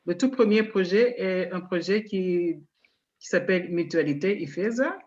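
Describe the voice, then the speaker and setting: A woman's voice: fairly low pitch, moderate pace, a little mellow. Rwandan-born woman presenting on a video call. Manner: hesitant, many fillers. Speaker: nonprofit coordinator presenting. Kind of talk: online presentation, switching to French. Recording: dull, muffled video-call audio.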